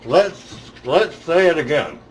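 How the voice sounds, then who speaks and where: A man's voice: expressive, takes it slowly, echoey room, a little hiss or hum, poor audio. Blunt, swearing man giving a live talk. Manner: blunt and profane, swearing freely; builds to loud emphatic peaks, then drops low. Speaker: spiritual teacher. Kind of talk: live motivational talk to an audience. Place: auditorium.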